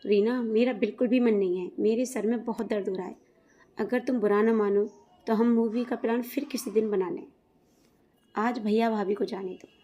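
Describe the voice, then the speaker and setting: A woman reading a hurried, irritated young man. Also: a little high, steady tone, dark tone, natural voice. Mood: impatient. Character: young man, polite but irritated groom-to-be.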